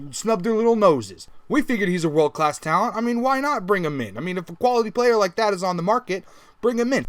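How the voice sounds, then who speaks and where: A man's voice: sits high, fairly bright tone, dry recording. A man ranting angrily in a football vlog, swearing and mimicking people in sarcastic mock quotes. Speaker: football vlogger.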